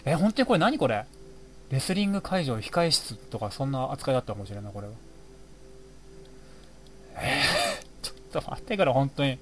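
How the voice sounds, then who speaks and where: A man's voice: medium pitch, big pitch swings, moderate pace, long pauses, fairly bright tone, slight background noise. A man hosting a game playthrough, giving jokey, rambling running reactions as he plays. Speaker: let's play host. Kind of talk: casual game commentary.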